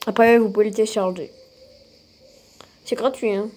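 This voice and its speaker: A woman casually talking through a mobile game she is playing, often breaking into excited exclamations. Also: medium pitch, moderate pace. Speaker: mobile game channel host. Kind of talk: casual gameplay commentary.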